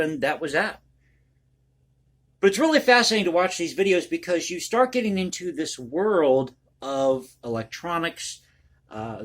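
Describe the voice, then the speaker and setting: Rambling, folksy man, slightly high voice. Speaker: online video host and commentator. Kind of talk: casual ad-libbed vlog monologue.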